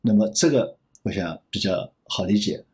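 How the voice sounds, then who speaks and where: 一位男性银行业专家在访谈中回答问题，说话边想边讲，常重复词句。. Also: male voice, lowish voice, animated, normal speed, a little mellow. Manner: rambling, repeats phrases while reasoning aloud. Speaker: banking expert guest. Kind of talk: thoughtful interview answers.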